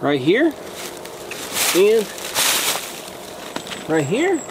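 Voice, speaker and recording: A man's voice: high voice, drawn-out words, background noise. A man in his thirties casually explaining and demonstrating hammock camping gear outdoors in a forest, recorded on a camera mic. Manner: relaxed, hands-on explaining while demonstrating gear.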